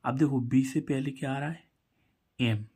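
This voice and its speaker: A man with a steady, mid-range voice, a little mellow and slightly rough, speaks at a moderate pace. In a Hindi-language English lesson, he teaches pronunciation, spells words out letter by letter, and answers his own questions.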